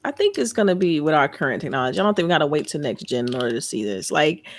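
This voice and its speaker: A woman co-hosting a casual gaming podcast over a call, reasoning things through in a relaxed way. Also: sits low, rapid-fire. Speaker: podcast co-host.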